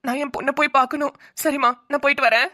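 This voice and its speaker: A woman's voice: high-pitched, fairly even intonation, rapid-fire, pushed and bright. A woman playing a fussy doting mother-in-law. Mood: fussing. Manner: fretful, doting, dramatic worry. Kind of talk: cartoon voice acting.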